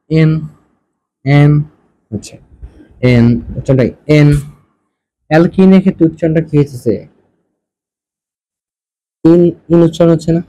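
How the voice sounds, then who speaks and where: A man's voice: medium pitch, dark tone, slightly rough, poor audio. A male chemistry teacher giving a classroom lecture, often checking in with his students and mixing English terms into his explanations. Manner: asks students frequent check questions; mixes English terms into speech.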